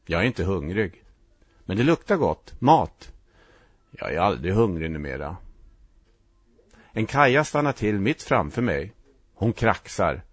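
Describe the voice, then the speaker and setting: A man narrating a first-person story in a reflective, halting way, with short clipped sentences. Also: low-pitched, breathy edge, no echo.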